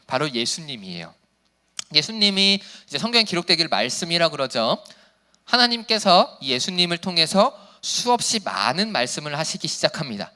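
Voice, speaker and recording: A youth pastor giving a sermon to teenagers, casual, playful and slangy, who reads scripture quietly and then preaches animatedly. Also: male voice, fairly high pitch, very animated, normal speed.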